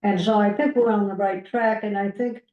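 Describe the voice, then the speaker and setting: A woman's voice: medium pitch, fairly even intonation, reverberant, narrow, tinny audio. Emphatic woman at a video meeting. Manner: deliberate, emphatic, slows down on key points. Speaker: port commissioner. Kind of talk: public board meeting discussion.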